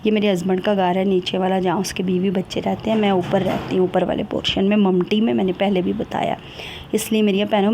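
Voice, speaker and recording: A woman's voice: mid-range voice, dark tone, a little hiss or hum. A middle-aged woman, talking to her viewers in an emotional, confiding vlog. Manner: emotional, confiding, switches between Urdu and Punjabi. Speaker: vlogger. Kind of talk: personal vlog talk to viewers.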